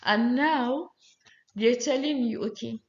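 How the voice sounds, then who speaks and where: Fast-talking woman lecturing. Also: mid-range voice, animated. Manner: fast-talking, often checks in with the listener. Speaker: economics lecturer. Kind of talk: recorded classroom lecture. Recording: roomy, slightly dull audio.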